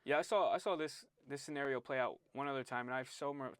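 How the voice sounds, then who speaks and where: A man hosting a casual interview, relaxed and slangy, chiming in with quick agreement and his own memories. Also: medium pitch, clear, resonant tone, dry recording. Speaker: podcast host.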